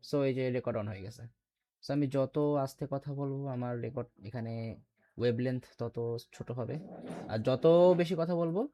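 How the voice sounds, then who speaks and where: In a classroom lecture for a computer class, a man explains things step by step and questions his students to check their understanding. His voice is mid-range with a dark tone.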